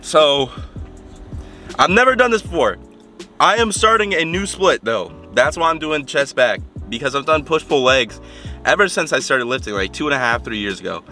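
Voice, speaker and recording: Speaking fairly high with lively intonation and a bright, forceful tone, this young fitness vlogger chats at normal speed into a handheld camera from his car. He sounds nasal and congested, rambling with plenty of fillers and restarts over soft background music.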